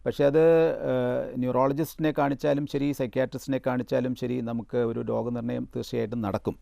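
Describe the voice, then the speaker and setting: A man speaking as a doctor on a television health phone-in, slow and measured, with frequent hesitant fillers. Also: mid-range voice, level tone, creaky, dark tone, no room sound, studio quality. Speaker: doctor answering viewer calls.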